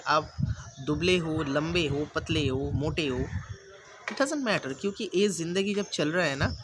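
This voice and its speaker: A man with a fairly high voice gives casual advice straight to his audience. He talks earnestly, circles back to repeat his points and mixes in English phrases. A steady hiss of noise runs under the recording. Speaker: YouTube channel host. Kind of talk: casual self-help talk to camera. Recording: noisy background.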